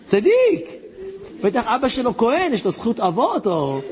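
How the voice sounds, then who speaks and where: A man, a rabbi, tells a story to an audience in an animated way, acting out voices and sound effects. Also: very high voice.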